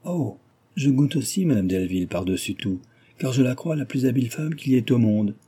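A man's voice: medium pitch, lively intonation, fairly quick, dark tone, slightly rough. A man reading aloud, voicing a frivolous, gossiping young aristocratic lady who talks flippantly and teases. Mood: gossipy, mocking. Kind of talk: audiobook character reading.

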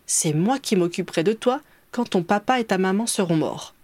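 A woman's voice: mid-range voice, moderate pace, no room sound, natural voice. A woman reading an audiobook, voicing an eager small boy who is proud to be a godfather. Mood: earnest. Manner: excited, insistent.

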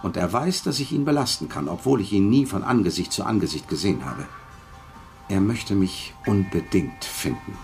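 A bitter, revenge-driven washed-up spy narrates his story in a German radio drama, his very low, gravelly voice carrying a darkish tone. He speaks expressively at a normal speed with weary gravity and a widely moving melody, sounding urgent and grim. Faint music plays behind him.

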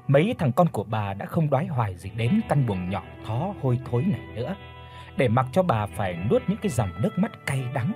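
A man narrating a dramatic audio story in a mournful tone. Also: medium pitch. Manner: mournful, chanting verse at the start. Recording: soft instrumental music underneath.

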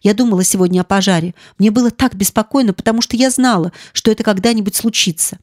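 A woman's voice: fast talker, a little mellow, no echo, clean studio sound, close to an everyday voice. A woman voicing a terrified young maid who pleads and sobs breathlessly in an audiobook. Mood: frantic pleading. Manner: sobbing, breathless, high-pitched cries. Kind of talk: audiobook dialogue.

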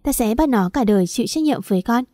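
A woman's voice: fairly high pitch, lively intonation, fast talker, mellow, dry recording, studio quality, natural voice. A woman voicing a kind, older royal consort in an audio story, speaking in a soothing, affectionate way. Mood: tender. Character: gentle elderly royal consort, motherly.

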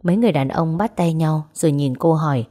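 A woman narrating a romance story aloud and voicing its characters in a gentle, even way. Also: low-pitched, fast talker. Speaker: audiobook narrator. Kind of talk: storytelling narration with dialogue voices.

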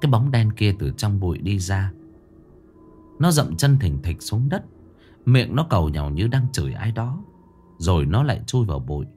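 A man narrating a ghost story in a dramatic, expressive reading. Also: lowish voice, normal speed, soft background music.

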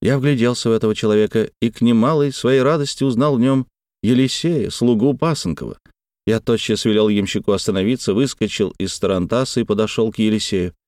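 Measured male audiobook narrator, dry sound. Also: medium pitch, darkish tone, no room sound. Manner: measured, literary. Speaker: audiobook reader. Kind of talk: scripted narration.

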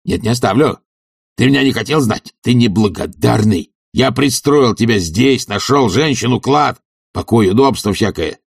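A male reader voicing a coarse, blustering middle-aged sponger who shouts insults and self-pitying rants in a husky voice. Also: medium pitch, moderate pace, no room sound, clean studio sound, pitched above the performer's own voice. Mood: scornful, ranting.

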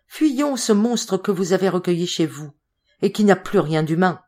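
A woman's voice: lowish voice, animated, normal speed, a little mellow. A woman voicing a young husband who urges flight, in an audiobook reading. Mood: urgent. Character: young husband, urgent and fearful.

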